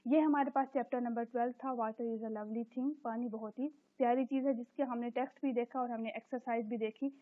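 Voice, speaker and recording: Give me a woman teacher walking through a lesson word by word, slightly high voice, thin phone-like recording. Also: fairly even intonation. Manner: explains step by step, repeats words slowly and checks with a recurring "theek hai". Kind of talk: recorded classroom lesson explaining English grammar.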